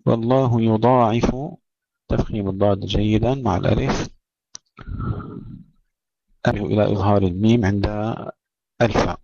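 A man teaching tajweed, reciting verses slowly and melodically, then explaining the rules quickly. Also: on the low side, fairly even intonation, vocal fry, darkish tone, no echo. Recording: dry, muffled lo-fi recording.

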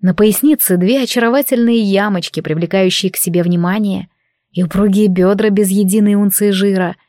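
A woman's voice: mid-range voice, a little fast, dark tone, no echo. Woman narrating an audiobook, dry sound. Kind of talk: first-person audiobook narration.

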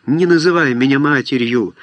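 A man reading aloud voices a proud older noblewoman who scolds her daughter with stern, scornful shouting. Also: mid-range voice, unhurried, no room sound, natural voice. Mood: furious.

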